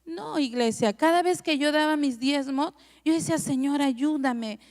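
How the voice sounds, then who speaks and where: A woman's voice: high voice, moderate pace, big-room sound. A middle-aged woman pastor preaching a conversational sermon, often asking the congregation short tag questions. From Peru. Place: church.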